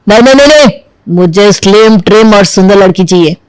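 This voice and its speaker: A man's voice: high-pitched, animated, fairly quick, clear, resonant tone, no room sound, poor audio. A man voicing a stubborn, argumentative young man in a cartoon who insists on a slim bride. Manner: whiny, argumentative. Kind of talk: Hindi cartoon dubbing.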